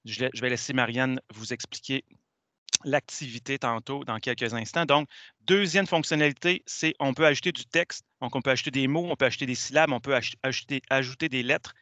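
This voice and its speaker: A man, walking through a software tool step by step in a methodical teaching tone. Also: mid-range voice, brisk, no echo. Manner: methodical, step-by-step, many "donc" fillers. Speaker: teacher presenting a software tutorial. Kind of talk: screen-share tutorial walkthrough.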